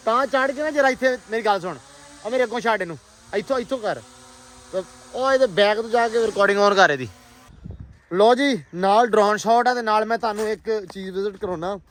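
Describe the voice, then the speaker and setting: A man's voice: sits high, fairly bright tone. A man with a Pakistani Punjabi accent chatting casually as a vlog host, exclamatory and teasing. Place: outdoors on a village farm.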